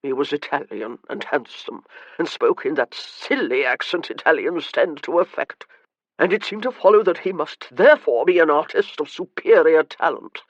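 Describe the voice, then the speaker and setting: A man voices a frail, irritable, wealthy old gentleman, short of breath, delivering his lines slowly and wearily with a rasping, haughty edge. His voice sits on the high side, and the recording is dry and muffled.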